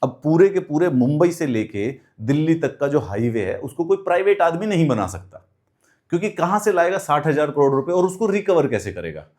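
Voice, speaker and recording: Young man, exam-prep lecturer, slightly high voice, repeats key points, rhetorical questions, mouth ulcer. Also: big pitch swings, fairly quick, darkish tone. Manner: emphatic teacher, repeats key phrases, asks rhetorical questions. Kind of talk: classroom lecture mixing Hindi and English.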